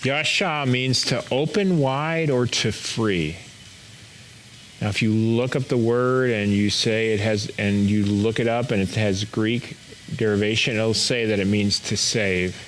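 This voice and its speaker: Man, pastor, low voice, slow explanatory sermon, faint background noise. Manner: slow, explanatory teaching with pauses. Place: home or church, recorded for online service.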